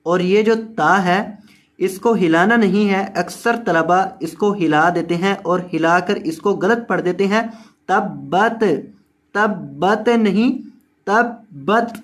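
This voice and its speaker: Slow, patient male recitation teacher. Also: high voice. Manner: drills each word slowly, repeating and correcting mispronunciations; melodic slow chanted recitation. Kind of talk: word-by-word tajweed lesson.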